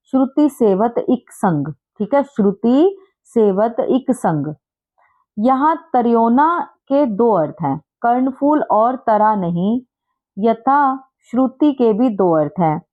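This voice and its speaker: A woman teaching an exam-prep lesson in a casual way, reading verse lines slowly and explaining them patiently while checking that listeners follow. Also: on the high side. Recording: tinny phone-like audio.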